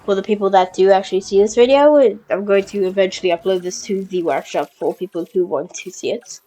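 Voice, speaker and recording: A gameplay video creator with a cold and a blocked nose chats casually through a park-building game. Her mid-pitched speech is halting, full of fillers, restarts and self-corrections, with small excited lifts whenever something cute pops up. The audio quality is poor.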